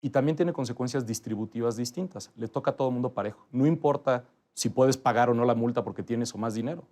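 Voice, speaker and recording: Guy explaining traffic policy real quick, mid pitch, faint music behind. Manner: fast, explanatory, steady. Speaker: guest, transport policy official. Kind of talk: interview answers.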